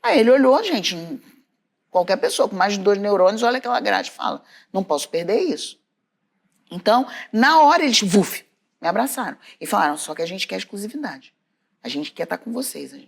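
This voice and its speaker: A woman's voice: medium pitch, brisk, gravelly. A woman with a Brazilian Portuguese accent, a podcast co-host telling stories in casual chat, calling out to her listeners. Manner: lively storyteller, exclaims to listeners.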